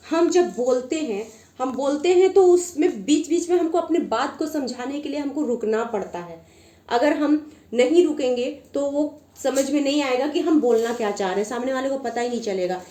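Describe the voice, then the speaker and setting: A woman teacher explaining a grammar lesson, slowly and with many repetitions. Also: high voice, expressive, dark tone, echoey room.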